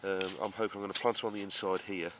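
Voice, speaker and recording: The speaker is a male gardening vlogger whose voice is low and flat. Casually, and without a script, he explains each job haltingly as he does it in the outdoor garden and greenhouse, while the camera mic records noisy surroundings from an uneven distance.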